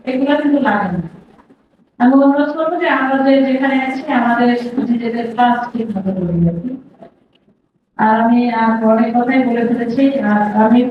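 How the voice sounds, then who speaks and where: Distant woman speaking in a reverberant hall. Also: high-pitched. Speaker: speaker at a meeting. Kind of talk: public speech. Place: meeting hall. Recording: distant, dull, echoey hall with noise.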